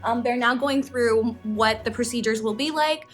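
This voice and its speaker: High-voiced, emotional young woman vlogger. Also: moderate pace, soft background music. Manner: chatty, excitable, emotional. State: close to tears. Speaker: vlogger, theme park employee. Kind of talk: casual emotional vlog chat.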